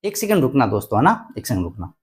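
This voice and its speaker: A man teaching English grammar online, explaining slowly and repeating key points into a microphone indoors. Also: medium pitch, wildly swooping pitch. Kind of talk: online grammar lesson in Hindi. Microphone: desk microphone indoors.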